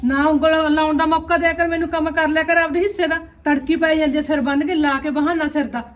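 A woman's voice: sits high, steady tone, lightly acted. A woman playing an overworked elder daughter-in-law who scolds and complains in an amateur village family skit. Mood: indignant. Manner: rapid, scolding, indignant complaints. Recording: roomy echo, distant from the mic.

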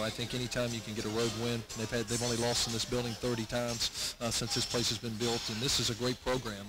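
A man in his forties, a head basketball coach, giving a post-game interview on a headset mic at courtside, steady and matter-of-fact with many fillers. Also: medium pitch, poor audio.

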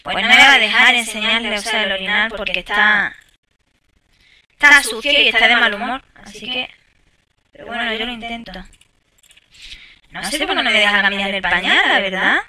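A woman's voice: fairly high pitch, moderate pace, pauses often, bright, forceful tone, far from the mic. A woman giving casual gameplay commentary, chatting to viewers with exasperated asides. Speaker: gameplay streamer.

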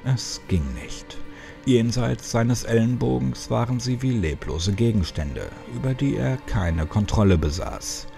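A man narrating a horror story in an expressive, dramatic storytelling style. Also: medium pitch, unhurried, creaky, faint music behind. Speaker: audiobook narrator.

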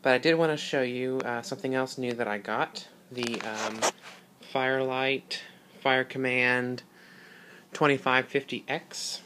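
A man hosting a casual hobby video, explaining equipment in an informal, halting way, recorded on a handheld device indoors. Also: medium pitch, steady tone, noisy background. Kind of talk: casual product demonstration vlog. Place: small carpeted room indoors. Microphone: handheld phone or camera mic.

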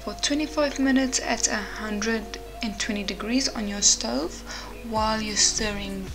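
Her voice is a little high and a little slow as this twenty-something woman chats informally straight to her viewers. She moves between casual vlog talk and a recipe voice-over while music plays behind her.

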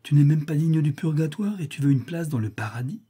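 A man reading aloud, voicing a gruff saint at the gate who scolds in a grumbling tone, pitched above his own voice. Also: animated, fairly quick, warm tone. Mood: scolding. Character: gruff male gatekeeper saint, stern but soft-hearted.

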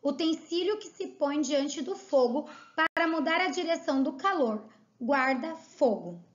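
A woman with a Brazilian Portuguese accent, teaching a recorded lesson and reading words out slowly and clearly. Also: high voice, animated, lo-fi sound. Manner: slow, clearly spelled-out dictation of words.

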